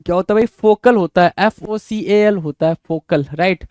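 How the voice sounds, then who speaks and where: High-voiced man spelling out words. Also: moderate pace, darkish tone, clear, resonant tone, dry recording, studio quality. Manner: repetitive, rhetorical questions, calls students "bhai". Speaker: English spelling teacher. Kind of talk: exam prep lesson, spelling out words letter by letter.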